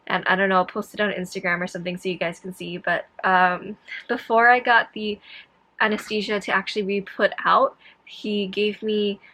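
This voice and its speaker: Young woman, casual vlog chat, very bright forward tone, sore throat after tonsil surgery, slightly effortful pronunciation, scattered delivery. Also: medium pitch, fairly even intonation, normal speed, rough recording. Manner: scattered, self-interrupting. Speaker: vlogger. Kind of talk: casual personal vlog, chatty recounting.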